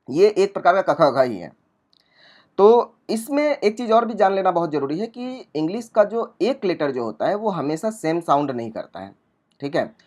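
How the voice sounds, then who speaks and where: A man's voice: a little high, darkish tone. A man teaching spoken English, explaining step by step and repeating each sound and example word while reading from notes on a laptop.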